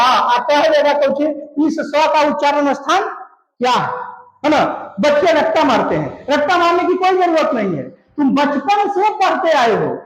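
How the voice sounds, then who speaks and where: A man's voice: extremely high pitch, reverberant, poor audio. A male teacher giving a classroom-style grammar lesson, asking questions and answering them himself. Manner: quizzes students with repeated questions and answers.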